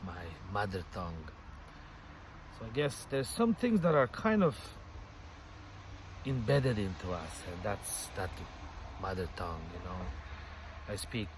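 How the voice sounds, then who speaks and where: A middle-aged vlogger, a native Bosnian speaker with a lowish voice, sits on a lakeside bench thinking out loud in a casual, reflective monologue. He rambles and muses, dropping plenty of "you know" fillers and soft laughs, while heavy outdoor noise and traffic carry on behind him.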